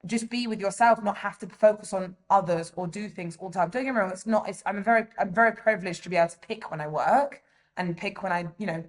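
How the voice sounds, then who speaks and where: A woman's voice: medium pitch, fast talker. A young woman with an English accent, co-hosting a podcast in casual chat, talking loosely with lots of fillers. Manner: chatty, full of "like" and "you know". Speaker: podcast co-host.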